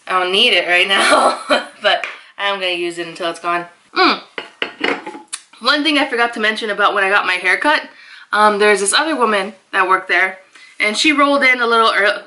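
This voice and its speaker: A young woman vlogging to her viewers in a chatty, animated way, often laughing. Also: medium pitch, rough recording. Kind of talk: casual chat to camera.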